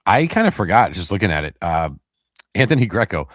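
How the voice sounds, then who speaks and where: Male podcast co-host, deep voice, dry close-miked sound, rambling casual delivery. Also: big pitch swings, a little fast, fairly bright tone, no echo. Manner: rambling, many fillers and restarts. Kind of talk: casual sports chat.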